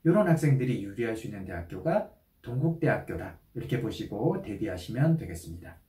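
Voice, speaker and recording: A male instructor explains exam strategy in a calm, methodical way, with a lively rise and fall in his voice. His tone is mellow and soft-edged. The recording is echoey, with the mic set back from him. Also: on the low side, a little fast, far from the mic. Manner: calm, methodical, addresses students directly. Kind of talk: explanatory lecture.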